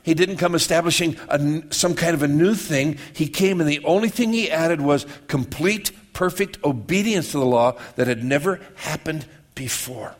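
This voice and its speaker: A man with a slightly raised speaking pitch preaches in a conversational teaching style. He often restarts phrases and pauses to ask whether his listeners are with him. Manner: repeats and restarts words while explaining. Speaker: pastor. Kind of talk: sermon.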